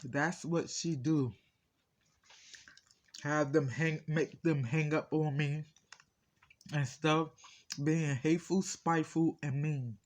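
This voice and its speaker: A man telling a personal story in a casual mukbang style, talking with his mouth full in short, halting phrases, aggrieved and repeating himself insistently. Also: a little high, steady tone. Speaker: vlogger.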